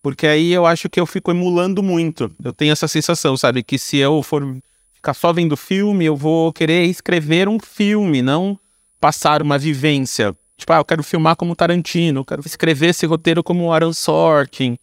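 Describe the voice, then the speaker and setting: As a guest on a podcast, a Brazilian-accented screenwriter gives relaxed, conversational interview answers full of slang and frequent little tag questions. His voice sits on the high side at a normal speed, in studio quality with no room sound.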